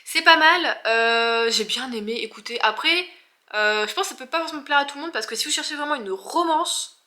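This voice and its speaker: A woman's voice: high-pitched, brisk. A young woman from northern France with a northern French accent, chatting casually in a book vlog with lots of fillers. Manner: chatty, animated, many fillers. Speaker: book vlogger.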